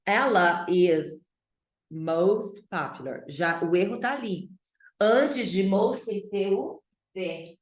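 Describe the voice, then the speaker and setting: Slow-talking woman teaching English. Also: mid-range voice, lively intonation, roomy sound. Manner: chatty, playful, mixes Portuguese with English. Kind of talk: online English class.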